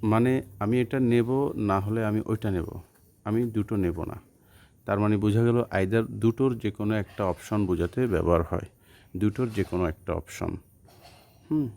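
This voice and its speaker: A man from Bangladesh teaching English pronunciation to students, speaking slowly and carefully with hesitations. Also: fairly low pitch, warm tone. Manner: slow, careful, with hesitations and demonstrated example words. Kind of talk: spoken lesson to students.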